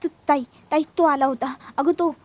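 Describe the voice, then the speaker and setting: A woman's voice: sits high, fairly even intonation, normal speed, lightly acted. A woman voicing a terrified young woman who pleads in panic and repeats her words. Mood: distraught.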